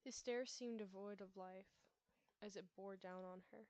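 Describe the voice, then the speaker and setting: Reading a visual novel's text aloud at a moderate pace, an American-accented woman keeps a steady, slightly mellow, medium-pitched tone. She stumbles on names and breaks off for chatty asides, and her laptop mic captures dull lo-fi sound over game music.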